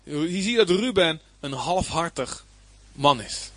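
A man's voice: on the high side, expressive, a little slow, a bit bright, no echo. A man preaching a Bible lesson, reading scripture aloud and then explaining it plainly, with emphasis and some hesitant fillers. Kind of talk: Bible teaching.

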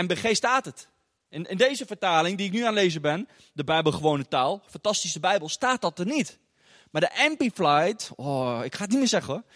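A man's voice: sits high, fairly bright tone. A man with a Dutch accent preaching a sermon in a church hall, chatty and informal, often adding little tag questions. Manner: chatty, with frequent tag questions and filler sounds. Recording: long hall reverb.

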